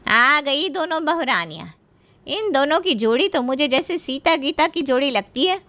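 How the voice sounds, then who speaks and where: A woman's voice: high-pitched, very animated, normal speed, pushed and bright, no echo, voice pushed up, heavily acted. A woman voicing a nosy, gossipy neighbor woman who speaks snidely.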